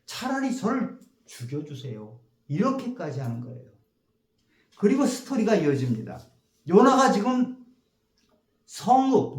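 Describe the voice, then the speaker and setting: A male pastor preaching a sermon in a church, telling the story in an animated way and acting out the quotes. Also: high voice, roomy sound. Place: church sanctuary.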